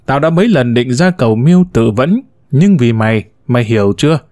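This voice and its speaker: A man's voice: mid-range voice, expressive, fairly quick, a little mellow, no echo, studio quality, natural voice. A man voicing an older widowed mother who scolds her grown sons with venom, in a storybook reading. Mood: bitter. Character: sharp-tongued older widow, furious mother.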